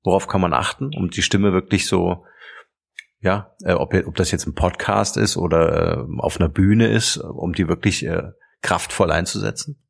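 Podcast host, man, very low and gravelly, halting questions full of fillers. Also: steady tone. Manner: hesitant questions with many fillers. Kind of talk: podcast interview.

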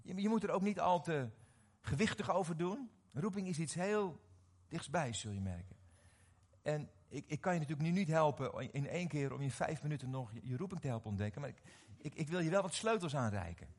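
A middle-aged man preaching a sermon, animated and often questioning his audience, repeating words as he restarts. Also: on the high side, brisk. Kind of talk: sermon to a live congregation.

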